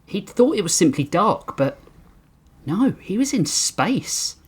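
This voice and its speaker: Man reading a crude comedy story, deadpan, laughs at his own jokes. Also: high-pitched, takes it slowly, husky. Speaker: podcast storyteller.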